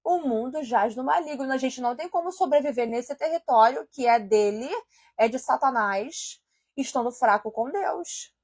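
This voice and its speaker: A woman preaching an earnest sermon to her followers, at times voicing quiet sample prayers. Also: high-pitched, animated, moderate pace, slightly rough. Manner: earnest, slips into softly spoken sample prayers. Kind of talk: sermon-style video exhortation.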